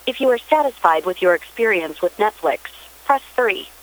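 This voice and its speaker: A woman's voice: mid-range voice, lively intonation, poor audio. Woman's scripted phone menu voice. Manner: measured recorded-prompt delivery.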